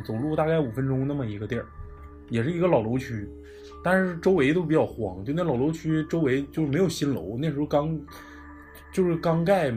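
Speaking with a Northeastern Chinese accent, a man tells a true ghost story during a casual podcast chat. His voice is a little high and darkish, and he's blunt, swearing freely.

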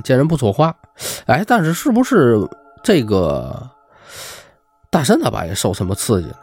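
A man, telling a spooky true story in a chatty, animated way and acting out the quotes. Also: on the low side. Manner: lively, chatty, acts out quotes. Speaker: storyteller host. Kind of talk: casual ghost-story narration.

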